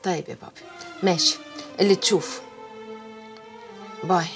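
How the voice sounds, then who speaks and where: A woman's voice: on the low side, fairly even intonation, moderate pace, faint music behind, lightly acted. An actress playing a weary, sullen young woman with an Egyptian accent. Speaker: daughter.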